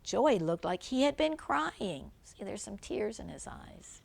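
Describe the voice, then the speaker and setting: This older woman has a medium-pitched, very animated, creaky voice, carried at a measured pace with a slight hiss or hum in the audio. Reading a children's picture book like a grandmother, she stops to make simple remarks about the pictures.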